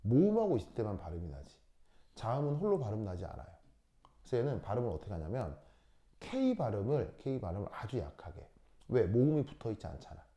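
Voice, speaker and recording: A man's voice: on the low side, sing-song, quick pace, dark tone. A man teaching a chemistry class, lecturing and drilling pronunciation, often asking whether students follow. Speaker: high school chemistry teacher.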